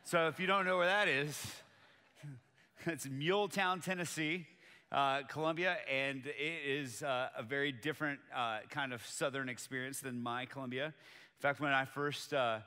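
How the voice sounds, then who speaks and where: A man's voice: mid-range voice, fairly even intonation, measured pace, bright, forceful tone, clean tone. A man from Colombia whose first language is Spanish, preaching a sermon as pastor in a conversational, personal way before a church audience. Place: church auditorium with live audience. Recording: long hall reverb.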